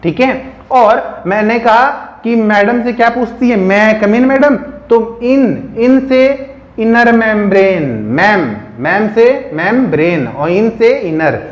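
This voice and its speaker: A man's voice: sits high, lively intonation, takes it slowly, echoey room. A man teaching biology, telling a story as a memory trick and often asking questions that he answers himself. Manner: asks the listener questions and answers them himself; keeps checking in with "theek hai". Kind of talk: storytelling mnemonic lesson.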